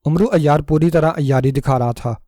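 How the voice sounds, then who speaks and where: A male storyteller reads a scripted tale in a steady, measured voice. His pitch sits slightly high, but the tone stays mellow and dark. The close-mic recording is dry, with no room sound. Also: dry recording.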